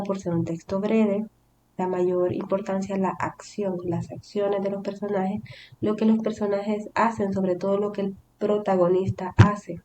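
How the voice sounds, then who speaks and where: A woman's voice: medium pitch, warm tone, a little hiss or hum. A woman teacher giving a recorded language lesson, explaining step by step and restating terms in simpler words. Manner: reads example sentences with acted intonation.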